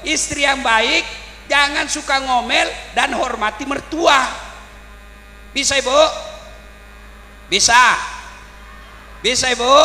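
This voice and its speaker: A man giving a humorous sermon, lively and asking the crowd questions. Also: very high-pitched. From South Sulawesi. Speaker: Islamic preacher. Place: large hall at a village celebration. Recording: echoey hall with faint mains hum.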